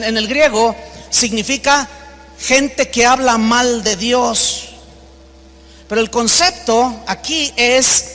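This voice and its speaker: A man's voice: very high-pitched, fairly bright tone, long reverb tail. A man with a Mexican Spanish accent preaching an emphatic sermon as pastor, acting out the voices in his stories.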